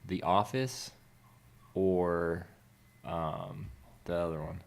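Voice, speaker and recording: A man's voice: low-pitched, sing-song, very slow, creaky. A man co-hosting a podcast in casual chat, trading teasing, jokey banter. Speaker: podcast co-host.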